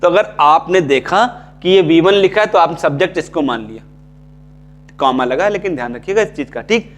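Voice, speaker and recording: Higher-voiced Indian man teaching English grammar. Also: animated, moderate pace. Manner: repeats key terms, checks in with "ठीक है". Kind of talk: casual classroom lecture.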